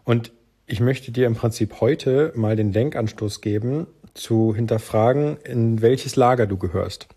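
A man's voice: mid-range voice, unhurried, warm tone, husky. A man hosting a solo podcast, speaking earnestly and directly to the listener as he thinks aloud. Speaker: podcast host.

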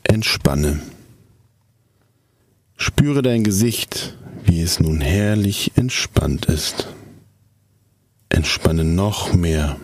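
A man guides a scripted relaxation exercise, his low voice soft, calm and soothing as he draws out each measured instruction. The recording has no echo.

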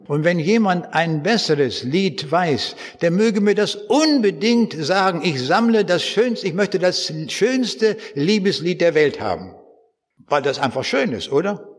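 A man born in East Prussia, preaching a sermon with emphatic, lively delivery and rhetorical questions to his listeners. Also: medium pitch, husky, long reverb tail.

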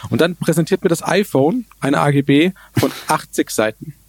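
A man co-hosting a German tech podcast, telling stories in a relaxed way with many fillers. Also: fairly high pitch, normal speed. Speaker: podcast co-host. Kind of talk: casual tech chat.

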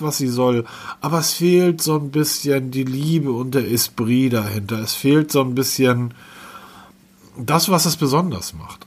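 A man with a slightly husky voice chatting casually about gadgets on a podcast. He rambles and restarts a lot, and his voice sits at a middle pitch. Now and then he drifts a little off the mic. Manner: rambling, many fillers and restarts. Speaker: podcast co-host. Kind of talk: casual tech chat.

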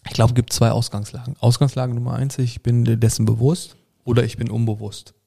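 A man's voice: mid-range voice, flat delivery, fairly quick, vocal fry, warm tone, husky. A man speaking as a life coach, explaining his approach in casual conversation with frequent fillers and restarts. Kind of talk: casual interview talk.

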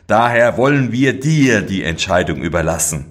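A man's voice: on the low side, animated, moderate pace. A man voicing two quarrelling giants in a storybook fairy tale, blunt and simple. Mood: quarrelsome.

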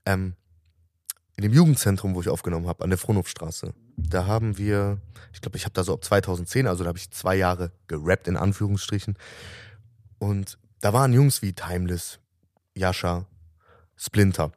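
A man's voice: sits low, normal speed, darkish tone, no echo, clean studio sound. A man in his thirties, a musician guest, talking earnestly and reflectively in a casual interview, often restarting his sentences.

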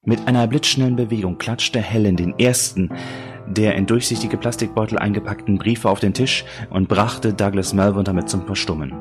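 A man giving steady, dramatic audiobook narration of a crime thriller. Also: fairly low pitch, moderate pace, over music.

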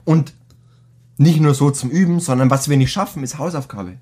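A teenage boy chatting casually as a podcast co-host, telling a school story in slangy, animated fashion. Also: a little high, moderate pace, husky. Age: teens. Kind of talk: casual chat.

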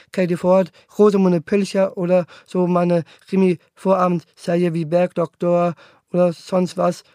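Young adult man, aspiring actor; high, flat delivery, earnest and stumbling, dry recording. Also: dry recording. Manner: halting, earnest, many restarts. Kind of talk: casual monologue to camera.

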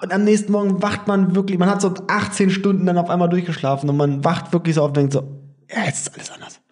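Young male co-host, slightly higher voice, rambling casual talk, restarts often. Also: little pitch movement, quick pace, darkish tone. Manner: rambling, restarts, argues a point. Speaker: podcast co-host. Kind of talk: casual chat.

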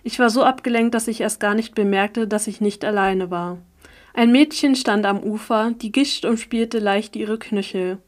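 Female audiobook narrator, first-person story, even and steady, mid-pitched voice. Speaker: audiobook reader.

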